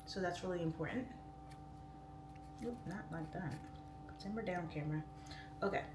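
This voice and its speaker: Woman, late 30s, low voice, livestream host, speech slightly thickened by tongue piercing, roomy echo. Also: normal speed, music in the background. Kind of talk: casual livestream chat, reading viewer comments aloud. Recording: roomy echo, distant mic, clear background noise.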